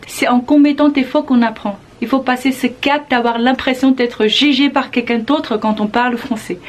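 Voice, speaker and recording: A woman teaching in a calm, encouraging manner, explaining step by step with some hesitant fillers. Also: a little high. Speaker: French teacher. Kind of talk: casual video lesson.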